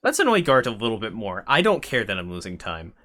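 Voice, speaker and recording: A man playing a game and reading the dialogue choices aloud, deadpan. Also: fairly low pitch, fast talker, crowd noise. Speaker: gamer co-playing.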